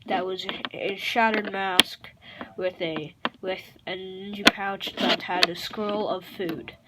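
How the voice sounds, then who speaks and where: A woman improvising a fan-fiction story aloud, rambling and halting, with many fillers and self-corrections. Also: mid-range voice, steady tone, very noisy.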